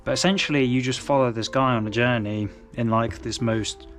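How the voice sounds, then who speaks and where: Casting: young English man, mid-range voice, easygoing rambling chat at home, soft music behind. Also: mid-range voice, fairly even intonation, a little fast. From England. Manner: laid-back, rambling, with frequent restarts. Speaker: manga collector vlogger. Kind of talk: casual chat.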